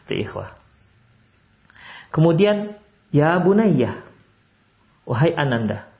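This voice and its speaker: A man preaching a sermon lecture, swinging from raised exclamations to quiet low advice. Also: vocal fry, muffled recording. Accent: Indonesian. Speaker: Islamic preacher.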